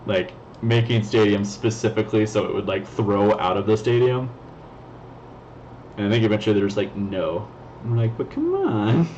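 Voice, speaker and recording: A laid-back man chats casually with a friend, slangy and quick to laugh, his voice sitting a little low. The sound is a bit dull and lo-fi, with a faint hiss behind it. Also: fairly even intonation, darkish tone. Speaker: co-host. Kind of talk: casual chat.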